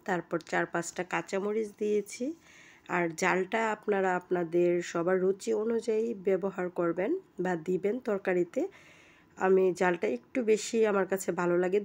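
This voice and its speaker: A woman, hoarse from a cold, giving chatty step-by-step directions as she narrates a home recipe. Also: medium pitch, darkish tone. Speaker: cooking channel host. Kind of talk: recipe voice-over.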